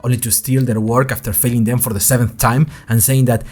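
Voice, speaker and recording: A man's mid-range, darkish voice moves little in pitch and runs a bit fast, lightly acted. He narrates an audio fiction podcast as a chatty, nervous young college student, telling his story wryly and conversationally with dramatic emphasis. The piece is scripted first-person storytelling in a diary-like vein.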